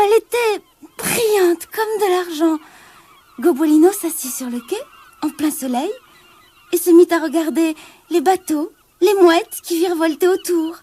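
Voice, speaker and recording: A woman's voice: very high-pitched, dark tone. A woman reading a children's storybook aloud in a dramatic way, dropping into whispers and rising to exclamations.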